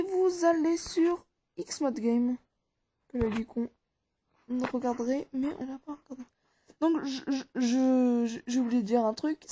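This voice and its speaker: A woman's voice: high voice, warm tone. A woman talking viewers casually through an app tutorial step by step, informal and rambling. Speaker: tutorial maker. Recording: dull, dry lo-fi recording.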